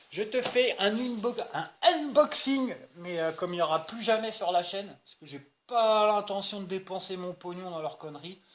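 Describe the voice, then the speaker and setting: A man's voice: high-pitched, a bit bright. A man hosting an unboxing video, chatting casually and jokingly straight to his viewers. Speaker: RC hobby channel host. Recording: noisy home recording.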